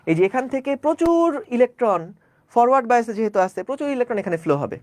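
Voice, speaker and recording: A woman teaching a physics lecture in a casual, conversational way, often asking her students quick questions and repeating phrases. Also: on the high side, sing-song, dry recording.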